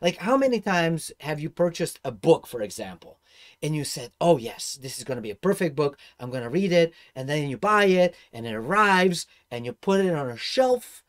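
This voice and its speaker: A man from Serbia in his thirties with a Serbian accent, talking to a webcam about personal finance in an animated, gesturing way. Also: fairly high pitch, moderate pace. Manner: animated, gestures a lot, swings between loud and soft. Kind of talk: casual vlog monologue. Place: dark room indoors.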